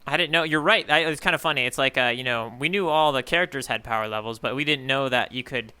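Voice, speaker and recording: A man co-hosts a casual podcast discussion as a newcomer reader offering theories, thinking aloud and tentatively working through his ideas. His medium-pitched voice is clear and resonant with a sharp tone, and he talks fast.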